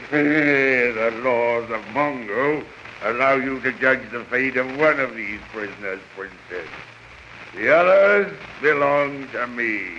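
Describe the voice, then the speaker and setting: Noisy old radio serial: gloating, lecherous warrior king, pompous, extremely drawn-out delivery. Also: medium pitch, sharp tone, dull audio. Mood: gloating command. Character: mighty, gloating, lecherous male king of the Hawkmen. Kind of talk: 1930s radio serial acting.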